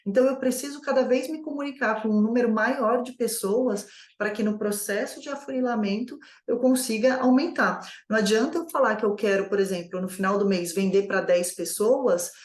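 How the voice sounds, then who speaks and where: A woman's voice: on the high side, fairly quick, few pauses, a little mellow, echoey room. A woman coaching new business owners in a conversational lesson, asking herself many rhetorical questions. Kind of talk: online course lesson.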